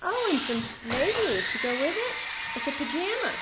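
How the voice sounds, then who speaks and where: A woman's unhurried, amused voice narrating her family opening gifts, captured on an old VHS home video tape. Her voice sits a little high, the sound is muffled and buried under strong tape hiss. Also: very animated. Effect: old VHS home video recording. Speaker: wife and mother at a family gift opening. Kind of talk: casual family chat, narrating the gift opening.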